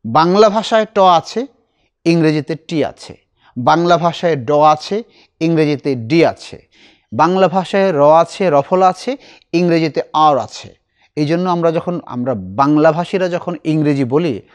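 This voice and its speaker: A middle-aged man teaching a recitation class, explaining slowly and asking his students questions. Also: a little high.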